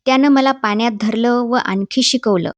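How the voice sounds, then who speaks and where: A woman's voice: fairly high pitch, moderate pace, dry recording. Woman reading a storybook lesson. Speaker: narrator. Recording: dull dry voice-over.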